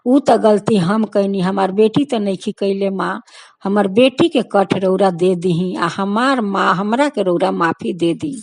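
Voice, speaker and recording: A woman voicing a devout village mother who pleads over and over, slowly and at a middling pitch. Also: gravelly, a little mellow, no room sound. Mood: pleading. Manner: imploring, repetitive pleas.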